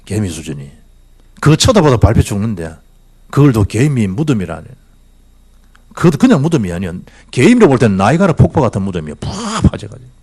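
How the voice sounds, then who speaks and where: A middle-aged male pastor, preaching a church sermon. He fires rhetorical questions and swings between loud declarations and hushed asides. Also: on the low side, very animated, a little fast, breathy edge. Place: church sanctuary.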